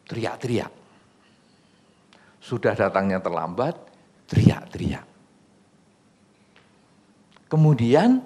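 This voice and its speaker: A man's voice: medium pitch, a little mellow. A man giving a Buddhist sermon in a casual, conversational way, asking the audience questions and acting out the people in his examples. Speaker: Buddhist monk giving a Dhamma talk.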